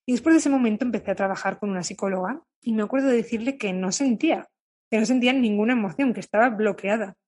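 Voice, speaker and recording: Breathy, candid woman from Spain. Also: a little high, fast talker. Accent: Spain Spanish. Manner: calm, candid, confiding storytelling. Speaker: therapist who treats eating issues. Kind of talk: personal reflective monologue to viewers.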